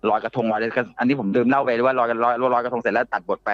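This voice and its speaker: A man casually telling a ghost story on a live show, halting and often repeating his words. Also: medium pitch, little pitch movement, no room sound, highs cut off. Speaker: guest storyteller.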